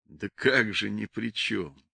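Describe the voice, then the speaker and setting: A man doing a gruff young village fellow. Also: lowish voice, slow, sharp tone, no echo, clean studio sound, voice pushed down, full character voice. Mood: persuading. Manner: gruff, coaxing.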